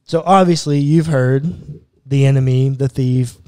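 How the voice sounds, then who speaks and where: A pastor in his thirties earnestly walks through a Bible passage step by step during a podcast conversation. His tone is darkish and unhurried. He's close to a boom mic in a small studio room lined with bookshelves, and the recording is dry.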